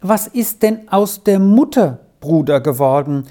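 A woman voicing a bold, brisk maid in a storybook reading, raising her voice sharply and eagerly. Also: on the low side, animated, dark tone.

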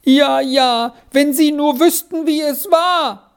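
A reader voicing a frightened young girl in a storybook, with a high, breathless, tearful way of talking. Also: animated, slow pace, a little mellow, husky, heavily acted.

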